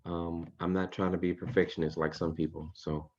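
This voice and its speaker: A man's voice: low-pitched, level tone, brisk, darkish tone. A man co-hosting a casual live stream, teasing and wry in his remarks. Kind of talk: casual chat. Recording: slightly dull, lo-fi sound.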